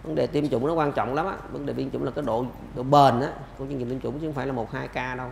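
A man's voice: mid-range voice, fairly even intonation, fast talker, creaky, roomy sound, a little hiss or hum. A man lecturing on pediatrics, answering questions emphatically with rhetorical questions.

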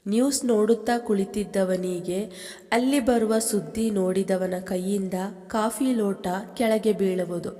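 A woman reading a romantic story aloud as a storyteller, in a steady, measured narration. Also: mid-range voice. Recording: long reverb.

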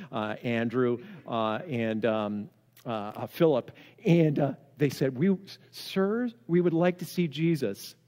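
A male pastor preaching a sermon in an animated, conversational way, often restarting his words. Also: on the high side. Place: church sanctuary. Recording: long church hall reverb.

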